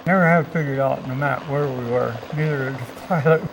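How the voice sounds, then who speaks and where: Gravelly older man reminiscing. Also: mid-range voice, noisy background. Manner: reminiscing, halting with restarts, chuckling. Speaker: wildlife biologist. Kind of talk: documentary interview storytelling.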